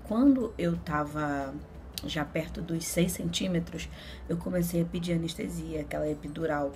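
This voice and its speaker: A young woman with a Brazilian Portuguese accent tells a personal story straight to her viewers in a relaxed, chatty way. Her voice sits a little low, and she laughs easily and slips into the voices of the people she quotes. Faint noise hums behind her. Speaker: vlogger.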